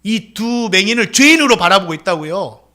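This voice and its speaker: 높고 밝은 목소리의 남성 목사 설교. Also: male voice, high voice, animated, a little fast, bright, forceful tone. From South Korea. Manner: dramatic preaching, acts out quoted voices. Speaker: pastor. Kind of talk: sermon.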